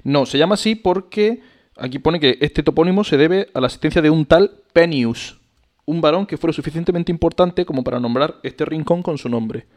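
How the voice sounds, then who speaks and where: A man's voice: on the high side, brisk, a little mellow. A man co-hosting a casual chat podcast, playful and amused as he reads out odd facts. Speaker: podcast co-host.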